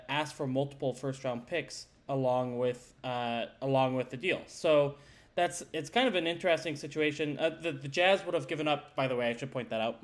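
Male sports podcaster, lightly high pitch, conversational, drifts into asides. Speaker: podcast host. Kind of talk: casual sports podcast talk.

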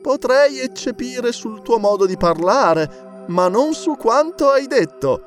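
A man voicing a proud, alluring woman priestess in an audiobook, speaking slowly in a raised, lilting voice. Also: expressive, soft background music, exaggerated voice. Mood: imperious. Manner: slow, lilting, high put-on voice.

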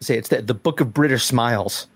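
A man's voice: mid-range voice, a little fast, husky, dry recording. A man co-hosting a podcast in casual chat, telling a story in an easygoing way.

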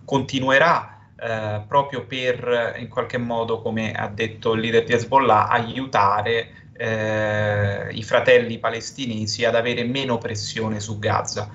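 A man working as a field correspondent, giving a live remote news report from Lebanon over a call line in a measured, analytical way. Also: on the low side, little pitch movement, fairly bright tone. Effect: heard over a remote call line. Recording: muffled lo-fi call line with faint noise.

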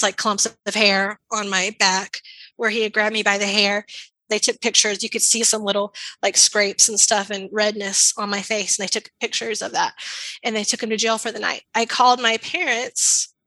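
A woman's voice: fairly high pitch, bright, forceful tone, no echo, poor audio. A woman as an interview guest, telling a personal story candidly with lots of "I was like.". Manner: candid, fast-flowing storytelling with frequent "I was like".

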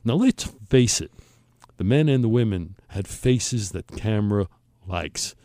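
A man's voice: on the low side, animated, measured pace, dark tone, no echo, clean studio sound. An older man with a Brooklyn accent tells a personal story in an emphatic, conversational way, acting out the dialogue. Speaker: storyteller on a talk show.

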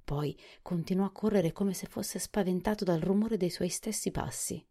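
Low gravelly lady narrating a kids story, husky, calm and measured.

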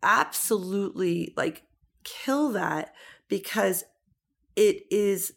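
A woman's voice: medium pitch, takes it slowly, creaky. A middle-aged woman in easy, casual conversation as a guest. She tells stories with lots of "like" fillers and slips into the voices of the people she quotes. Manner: animated storyteller, acts out quoted voices, many "like" fillers.

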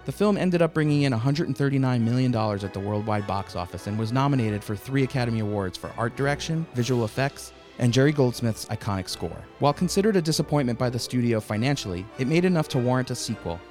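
A man's voice: medium pitch, expressive, fast talker, few pauses, over music. A man hosting a film franchise podcast, reading a scripted intro with a dry, wry edge, then chatting casually with his co-hosts. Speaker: podcast host.

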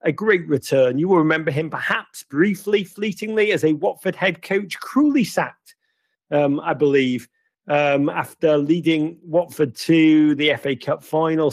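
Wry husky-voiced football podcast host. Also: male voice, fairly high pitch, no room sound. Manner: wry, playful asides. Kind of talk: casual football news commentary.

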